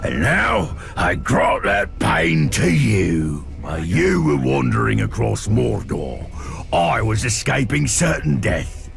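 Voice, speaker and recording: A sadistic orc out for revenge in a fantasy game. His voice is deeply creaky gravel, slow and menacing, over clear music. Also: huge pitch swings, raised voice, exaggerated voice. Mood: dark menace. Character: vengeful tortured male orc, sadistic and menacing.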